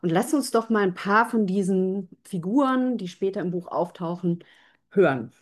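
A woman's voice: mid-range voice, expressive, moderate pace. A woman hosting a live interview, asking questions and speaking to listening pupils. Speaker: host.

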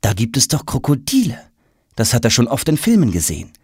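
A man's voice: mid-range voice, wildly swooping pitch, a little fast, a little mellow, husky, dry recording, clean studio sound, heavily acted. A man voicing a curious, hasty schoolboy who asks question after question. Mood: surprised. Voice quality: eager, questioning. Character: curious, hasty schoolboy, polite but impatient.

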